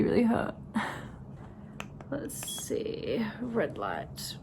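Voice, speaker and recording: A woman's voice: mid-range voice, a little mellow, slight background noise, rough recording. A young woman vlogging casually about her recovery, sounding sleepy and stuffy-nosed, rambling with lots of "like" and "um". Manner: chatty, rambling, frequent "like" and "um". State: stuffy, congested nose after surgery.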